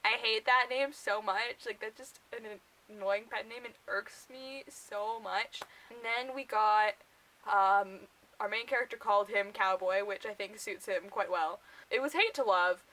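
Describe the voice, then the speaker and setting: A woman's voice: medium pitch, a little slow, pushed and bright, poor audio. A young woman casually reviewing books for her vlog, chatty and full of filler words, often breaking into laughter. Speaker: book vlogger.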